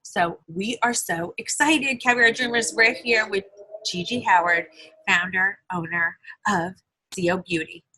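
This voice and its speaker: A woman's voice: medium pitch, unhurried, sharp tone, husky, rough recording. An American woman co-hosting a casual chat show, gushing and emphatic, often repeating her phrases. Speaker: podcast co-host. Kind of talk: casual chatty interview hosting.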